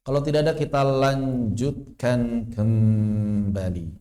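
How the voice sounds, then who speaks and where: A man teaching tajwid in an online class. He explains with examples and recites Arabic phrases in a drawn-out chant. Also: medium pitch, steady tone, dark tone, faint music behind. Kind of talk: online lesson. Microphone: online class microphone.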